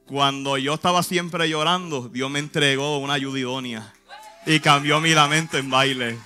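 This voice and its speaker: Bright-voiced man giving testimony. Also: a little high, fairly even intonation, soft background music. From Puerto Rico. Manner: earnest, emotional testimony with short pauses. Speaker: youth pastor. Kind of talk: personal testimony in church.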